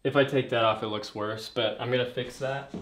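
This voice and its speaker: A young man tours viewers through his house in a relaxed vlog, cracking jokes and talking straight to the camera. His voice is mid-pitched and easygoing. He is recorded indoors as he walks between rooms. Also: brisk, a little hiss or hum. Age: young adult. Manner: joking, laid-back, talks to viewers directly. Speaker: vlogger. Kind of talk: casual home-tour vlog.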